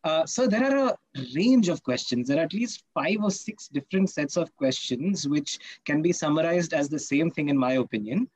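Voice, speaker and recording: A man's voice: fairly high pitch, expressive, moderate pace, hardly any pauses, darkish tone, slightly rough, no room sound, poor audio. A man with an Indian English accent moderating an online panel in a wordy, formal and deferential way.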